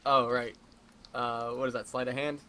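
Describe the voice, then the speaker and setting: A man's voice: medium pitch, level tone, moderate pace, bright, forceful tone, a little hiss or hum. A man playing a tabletop game, describing his character's actions in the third person, a bit hesitant. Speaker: player.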